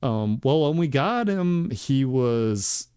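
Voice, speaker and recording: A man's voice: mid-range voice, lively intonation, slow pace, dark tone, clean tone, no echo, studio quality. A man streaming his digital art and chatting casually, laid-back and rambling, with lots of laughter and filler words. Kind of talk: casual chat while drawing on stream. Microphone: desk mic with webcam.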